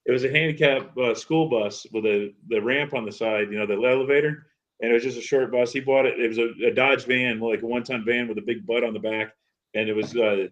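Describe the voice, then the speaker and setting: A man's voice: medium pitch, fairly even intonation, brisk. A man telling rambling stories and laughing in a casual chat. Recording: dull lo-fi sound.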